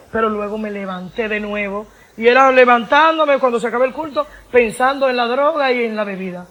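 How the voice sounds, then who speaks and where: A woman tells her personal testimony with deep feeling. She talks earnestly, circles back over her phrases and acts out the voices of the people in her story. A faint hiss sits under the recording. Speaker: guest giving a testimony.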